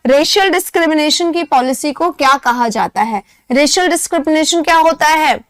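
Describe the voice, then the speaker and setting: A young Indian woman teaching English vocabulary for an exam, explaining step by step, checking in with her students often, and reading the English prompts slowly. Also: high-pitched, no room sound, clean studio sound. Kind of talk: exam-prep vocabulary lesson.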